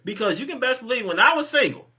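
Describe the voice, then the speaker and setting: Through muffled, lo-fi webcam sound, a thirtysomething co-host argues playfully in a home kitchen live chat, talking quickly in an extremely high voice. He's animated, teases constantly, and laughs often.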